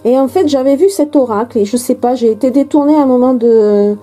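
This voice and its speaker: A French tarot and oracle card vlogger unboxes a card deck, chatting casually and hesitantly with lots of fillers and restarts. Her voice is high-pitched, mellow and fairly quick, and the recording is rough.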